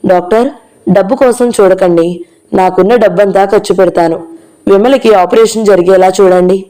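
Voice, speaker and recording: A woman's voice: mid-range voice, fairly even intonation, moderate pace, mellow, natural voice, low-quality recording. A woman reading the part of an earnest young male lawyer who pleads urgently, in an audio novel.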